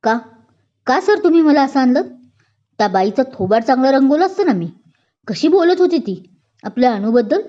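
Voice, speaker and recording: A woman voicing a hot-tempered young policewoman who shouts in indignant outbursts, in a dull lo-fi recording. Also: high-pitched, very animated, moderate pace, pauses often, pitched above the performer's own voice. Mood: angry. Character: fiery young policewoman, quick to anger.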